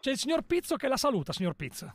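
Young male streamer with a strikingly high voice, loud and excitable, swears freely; casual live-stream banter. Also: rapid-fire.

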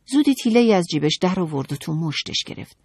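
A woman narrating a children's audiobook in an expressive, dramatic storytelling manner. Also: lowish voice, husky, no room sound, studio quality.

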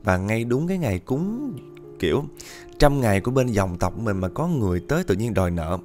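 A man with a Southern Vietnamese accent narrating a ghost story, talking directly to his listeners in an animated way. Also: on the low side, fairly quick, soft background music. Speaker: podcast storyteller.

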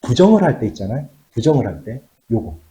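A man teaching a math class, posing questions to students and answering them himself, stretching key phrases out slowly. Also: medium pitch, wildly swooping pitch, dark tone, roomy sound, dull audio.

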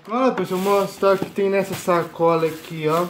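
With a high voice, fairly even intonation, and a slightly quick pace, a young Brazilian-accented man in his late teens shows off groceries in his home kitchen. The vlog chat is casual and repetitive, full of filler tags, over clear crinkling of plastic bags.

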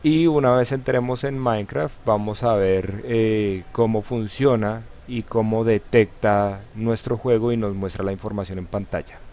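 A man with a Colombian accent hosting a step-by-step software tutorial in an informal way, using friendly diminutives. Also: fairly low pitch, fairly even intonation, measured pace, hardly any pauses, slight background noise. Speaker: tutorial host. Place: voice-over for a screen recording. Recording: slightly dull, lo-fi sound.

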